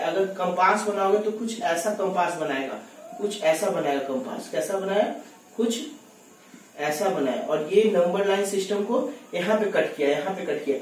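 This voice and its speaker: A man teaching maths to students, reading exam questions slowly and working through them step by step. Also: sits high, darkish tone. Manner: talks to students as kids, reads questions slowly, explains step by step. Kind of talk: exam solution lesson. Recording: very echoey room, distant mic, faint noise.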